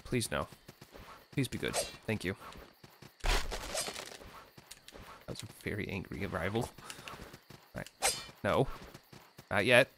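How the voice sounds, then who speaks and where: A man's voice: low voice, expressive, slow, gravelly, long pauses, very noisy. A man streaming a game live, chatting with viewers between wry reactions to the gameplay. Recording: game music playing behind the voice. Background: game music.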